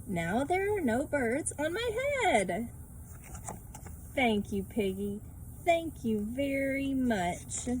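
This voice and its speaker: A woman's voice: sits high, sing-song, slow pace, voice pushed up, exaggerated voice. An exasperated cartoon elephant, acted out by a woman reading a picture book aloud. He complains dramatically and stretches his words out. There is faint noise in the background. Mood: tentative, polite. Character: exasperated male cartoon elephant, prone to fits.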